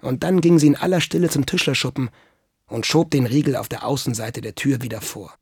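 Husky male narrator, dry close sound, children's audiobook. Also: medium pitch, fairly quick, no room sound. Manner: lively, expressive storytelling. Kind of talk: audiobook reading of a children's story.

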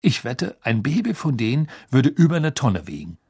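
A man voicing a wry teenage boy in an audiobook, cracking dry jokes quickly. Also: mid-range voice, very animated, darkish tone, husky, dry recording. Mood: mocking. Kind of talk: audiobook character voice.

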